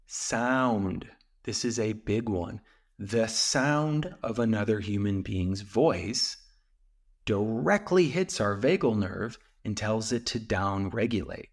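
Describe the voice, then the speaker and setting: Calm gravelly-voiced man explaining slowly. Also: fairly low pitch. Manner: calm and explanatory, with slow emphatic stretches. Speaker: podcast host and men's coach. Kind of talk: reflective solo talk.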